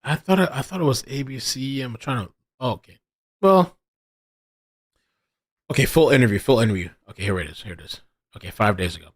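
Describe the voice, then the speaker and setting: A man rambles through casual live commentary on his stream, restarting sentences as he thinks aloud and stopping to read viewer chat. His voice sits at a middling pitch and is recorded close and dry, with no room sound. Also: animated, a little fast, pauses often, dry recording. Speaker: livestream host.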